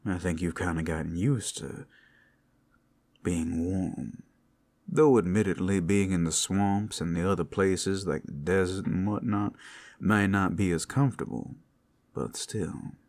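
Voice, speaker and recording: In an intimate ASMR roleplay, a deep-voiced man plays a tender, devoted, protective male werewolf lover who works at a brothel. He speaks in halting, heartfelt phrases full of soft endearments, with teasing asides.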